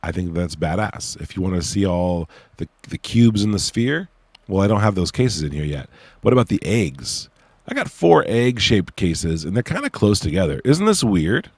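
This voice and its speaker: A man's voice: deep voice, very animated, normal speed, dry recording. A man hosting a casual livestream in an informal, slangy, hesitant way, with a slight whistle on his s sounds. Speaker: livestream host presenting own research project. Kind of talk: casual livestream chat with read-aloud case notes.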